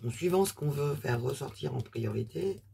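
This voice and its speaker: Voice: medium pitch, lively intonation, moderate pace, gravelly, warm tone. A presenter chatting casually through a hands-on craft demonstration, rambling with many fillers and asides, trailing off while working. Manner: talks while working, trails off mid-sentence.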